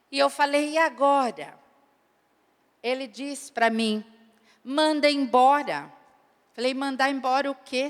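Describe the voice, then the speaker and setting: High, bright-voiced Brazilian woman preaching. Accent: Brazilian Portuguese. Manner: emphatic, addresses audience as "querida". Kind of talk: sermon. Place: church hall. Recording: reverberant church hall.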